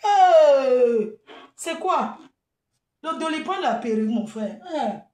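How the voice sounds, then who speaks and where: Combative high-voiced woman, echoey room. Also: animated, unhurried, far from the mic. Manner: combative, mocking, laughing. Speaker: event promoter. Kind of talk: live video rant.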